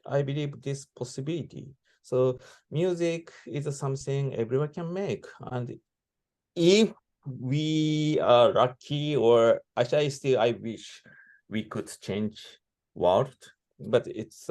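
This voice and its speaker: A man giving reflective interview answers as a composer, speaking halting non-native English with broken grammar. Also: medium pitch, darkish tone. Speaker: interviewee, composer and sound performer.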